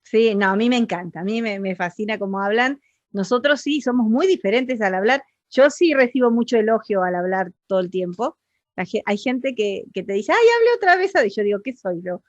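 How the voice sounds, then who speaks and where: A woman's voice: mid-range voice, a little fast, no echo, muffled recording. A woman with an Argentine accent hosting an interview, chatty and agreeable in a casual conversation. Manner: chatty, agreeable, with frequent assent. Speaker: interview host.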